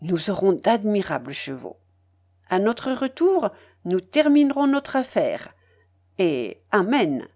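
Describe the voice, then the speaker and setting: A woman voicing an imperious, mocking young aristocrat in a read-aloud novel, higher and brighter than her narration. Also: big pitch swings, takes it slowly, exaggerated voice. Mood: coaxing. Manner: commanding, mocking, playful.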